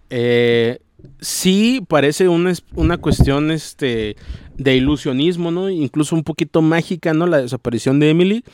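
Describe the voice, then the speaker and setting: A man's voice: fairly high pitch, darkish tone, clear, resonant tone, no echo. A man with a Mexican accent casually retelling a novel's plot, rambling and tagging nearly every phrase with a question. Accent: Mexican Spanish. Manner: slangy and informal. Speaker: book discussion host.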